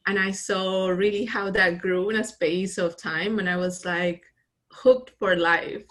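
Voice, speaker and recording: A woman in her early forties from Colombia, a business founder telling her story in an interview with lively restarts and laughter. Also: mid-range voice, measured pace. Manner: animated storyteller, laughs often, frequent restarts. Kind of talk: casual interview conversation.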